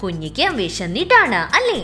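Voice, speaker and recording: A woman's voice: mid-range voice, huge pitch swings, moderate pace, sharp tone, faint music behind. A woman teacher reading a children's poem and story aloud, asking little questions in a sing-song way.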